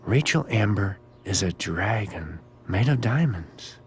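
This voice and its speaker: A man playing a creepy, cryptic, gently philosophical school groundskeeper in a video game, with a slow, ominous drawl. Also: fairly low pitch, lively intonation, a little hiss or hum. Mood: cryptic, probing. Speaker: groundskeeper character.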